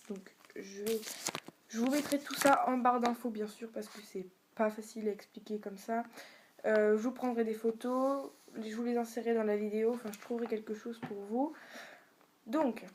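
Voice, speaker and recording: A woman's voice: a little high, a little mellow, a little hiss or hum. A woman giving a beginner video lesson on Chinese tones, patiently demonstrating sounds for viewers to repeat. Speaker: Chinese language teacher.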